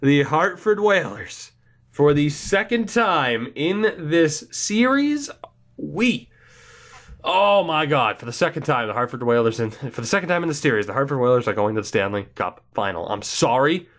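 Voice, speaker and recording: A young man with a congested, cold-stricken voice hosts a gaming video, offering excitable, rambling let's play commentary on a hockey video game and thinking aloud. His voice is on the high side and he talks at a normal speed.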